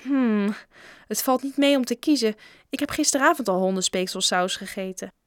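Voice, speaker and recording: A woman's voice: on the high side, normal speed, dry recording, clean studio sound, close to an everyday voice. A woman voicing a polite, troubled rich schoolboy in a storybook reading. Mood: earnest.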